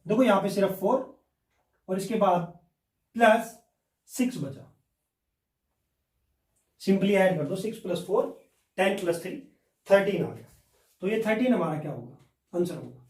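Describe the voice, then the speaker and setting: A man's voice: sits high, expressive, measured pace, pauses often, darkish tone. A male maths teacher explains exercises step by step, keeps checking that the class follows, and answers his own questions. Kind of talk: blackboard maths lesson. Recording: echoey room, mic at a distance.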